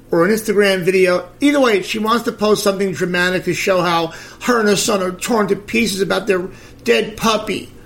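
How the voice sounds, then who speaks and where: A middle-aged podcast host rants about celebrity gossip, crude and sarcastic in his blunt commentary. His voice sits high, gravelly, and a bit bright.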